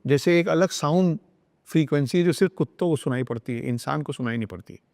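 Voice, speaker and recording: This podcast guest talks fast in a slightly high, creaky, somewhat mellow voice that rings through a large hall. His earnest talk on spirituality and parenting is emphatic and lecturing, with repetition for stress and occasional English phrases.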